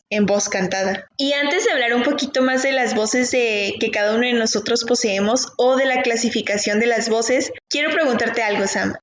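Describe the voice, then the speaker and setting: A woman co-hosting a casual podcast, leading topics and putting questions to her partner. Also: a little high. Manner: leads topics, asks her co-host questions. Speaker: podcast co-host. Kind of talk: casual chat. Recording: roomy with faint noise.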